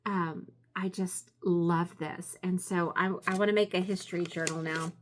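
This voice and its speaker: A woman's voice: lowish voice, steady tone, normal speed, slight background noise. Gushing woman in a casual craft vlog. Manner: gushing, appreciative. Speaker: craft vlogger. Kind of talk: casual show-and-tell vlog.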